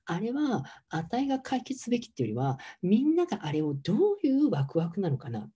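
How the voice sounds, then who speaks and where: A man's voice: high-pitched, very animated, fast talker, mellow, husky. A middle-aged man, a yoga teacher, giving a campy, chatty, teasing livestream talk and reading viewer comments aloud.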